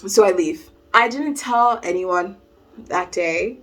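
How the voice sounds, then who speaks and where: A young adult woman vlogger telling a personal storytime in an animated way, laughing often. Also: medium pitch, takes it slowly, soft background music. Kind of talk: storytime vlog.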